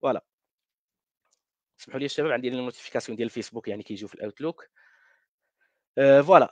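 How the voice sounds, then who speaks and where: A man's voice: a little high, no room sound, dull audio. A man with a Moroccan Darija accent walking viewers through a coding demo, often mixing in French words and restarting his sentences. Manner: mixes French words, many restarts and fillers. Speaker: workshop presenter. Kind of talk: live coding walkthrough.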